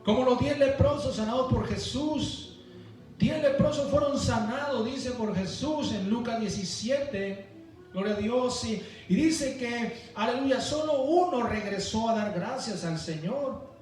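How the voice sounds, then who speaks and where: A man with a high, mellow voice preaches emphatically to his congregation, pausing for amens. He is picked up from a distance in a very echoey church hall, so his words ring around the room. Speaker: pastor. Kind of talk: Sunday school sermon.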